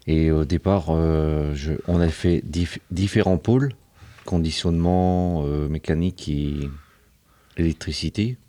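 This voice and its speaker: A man's voice: rumbling low, measured pace, dark tone, no room sound. A man in his forties answering questions in a radio studio, plain and hesitant, correcting himself as he goes. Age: 40s. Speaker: interviewee. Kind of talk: radio interview.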